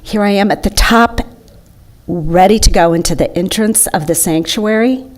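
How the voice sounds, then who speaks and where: A woman's voice: medium pitch, moderate pace. A woman giving an enthusiastic, chatty slideshow talk to an audience. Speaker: presenter.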